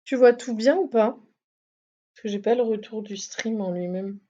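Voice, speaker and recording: Casting: a chatty, higher-voiced woman hosting a casual gaming stream, cursing at her setup, slightly dull mic sound. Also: a little slow, warm tone. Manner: chatty, swears, laughs at herself.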